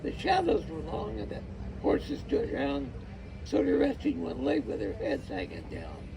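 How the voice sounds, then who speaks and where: A man with a folksy cowboy drawl, reciting rhyming cowboy poetry like a storyteller in a gravelly voice. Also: sits high, huge pitch swings, moderate pace, crowd noise, low-quality recording.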